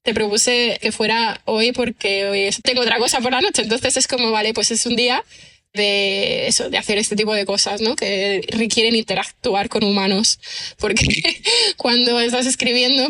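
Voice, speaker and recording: Speaking at a moderate pace in a sharp, higher-pitched voice, this woman is a podcast guest who writes books and screenplays. Her answers are casual and conversational: chatty, self-deprecating, full of thinking out loud and frequent check-ins with the listener.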